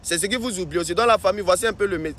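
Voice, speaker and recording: A man's voice: sits high, racing, a bit bright. A man from Africa talking casually to the camera in an advice vlog, often repeating himself and restarting sentences. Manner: repetitive, restarts sentences, keeps saying "voilà". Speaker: vlogger.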